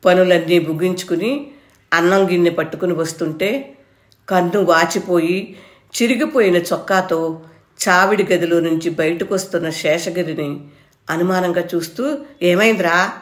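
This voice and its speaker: A woman narrating a short story in a measured, expressive way, her voice on the lower side. The recording has a noticeable roomy echo around her reading.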